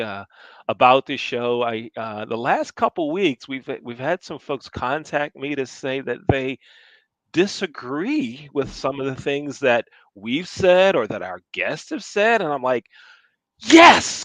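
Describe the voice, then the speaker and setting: A man's voice: medium pitch, expressive, measured pace, fairly bright tone, no room sound. A man co-hosting a podcast in a casual, upbeat, chatty way, often repeating his words. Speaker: podcast co-host. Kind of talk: casual chat.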